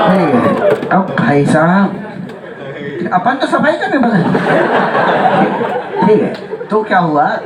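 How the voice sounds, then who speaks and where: Male teacher, comic classroom storyteller; high, lively pitch; distant echoey hall, loud student crowd behind. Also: heavy background noise. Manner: animated, chuckles often, keeps asking if students follow. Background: students laughing and chiming in.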